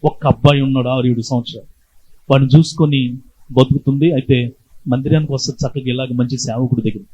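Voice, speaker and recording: A man's voice: mid-range voice, steady tone, quick pace, warm tone, slightly rough. A male pastor preaching a sermon, telling a story and calling on the congregation to respond. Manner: call-and-response, urging the congregation to answer. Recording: slightly dull lo-fi recording.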